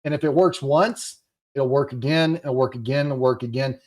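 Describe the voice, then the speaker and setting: A man coaching real estate investors, giving an urgent, encouraging sales pitch and repeating his phrases. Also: normal speed, a little mellow.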